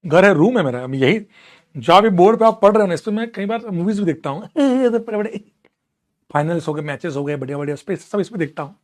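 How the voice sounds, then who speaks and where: A man's voice: sits high, animated, fast talker. A young man teaching a live online class from a room at home, chatty and teasing as he answers students. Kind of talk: casual live class banter.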